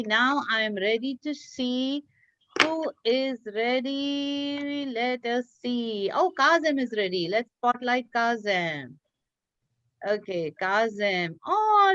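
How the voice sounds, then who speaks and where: Over a video call, a woman leads a children's craft class, encouraging her young pupils and praising them throughout the interactive lesson. Her voice is a little high and a bit bright, coming through a dull, lo-fi online connection from an echoey room.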